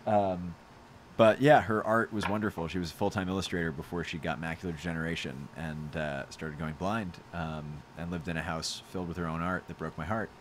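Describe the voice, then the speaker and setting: A man's voice: low voice, fairly even intonation, fairly quick, slight background noise. A young man casually answering fan questions on a live stream, rambling through stories with lots of fillers and laughs. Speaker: podcast creator hosting a live Q&A. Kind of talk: casual live chat with fans.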